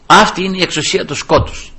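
A man's voice: sits high, fairly even intonation, sharp tone, husky. A man preaching a sermon, emphatic, often calling out to the congregation as brothers and rising sharply when he quotes scripture. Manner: addresses listeners as brothers.

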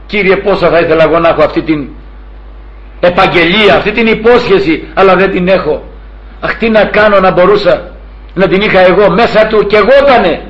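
Older male preacher doing a humble young man pleading with God, high-voiced, sighing, dull lo-fi sound. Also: roomy sound, lightly acted. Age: 60s. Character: humble young man Jacob yearning for God's blessing. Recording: dull lo-fi recording.

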